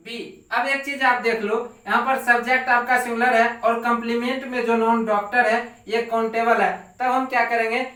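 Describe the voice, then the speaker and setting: An English teacher explaining grammar in a translation lesson, dictating each sentence slowly word by word and ending with a checking question. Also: medium pitch, sharp tone, distant mic. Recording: echoey room, voice away from the mic.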